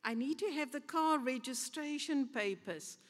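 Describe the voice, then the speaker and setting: A woman's voice: sits high, lively intonation, unhurried. A woman preacher voicing a polite, formal young male traffic officer in an echoey hall.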